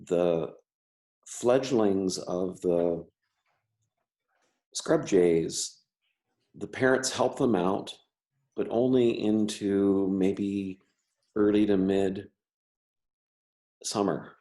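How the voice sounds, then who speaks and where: A man's voice: deep voice, very slow, long pauses, mellow. A man who stutters, an artist and teacher talking casually in an interview, with many restarts and repeated words. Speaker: member artist.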